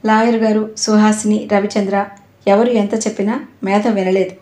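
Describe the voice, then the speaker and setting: A woman reads a novel aloud in a calm, measured narration. Her voice is mellow and dark, never sharp. A roomy echo surrounds the recording. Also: mid-range voice. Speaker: audiobook narrator.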